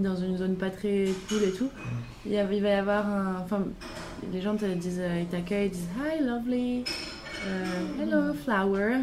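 A young woman talks in a relaxed, searching way as a podcast guest, often stopping to find the right word. Her voice sits in a middle pitch. The recording carries clear background noise from the hostel around her. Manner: hesitant, pauses to search for words. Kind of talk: casual conversation.

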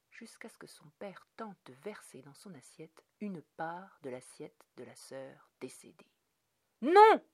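A woman narrating a dark story in a measured read, often dropping to near whispers. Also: lowish voice, dry recording, studio quality. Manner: measured, dropping to hushed tones. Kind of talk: scripted narration.

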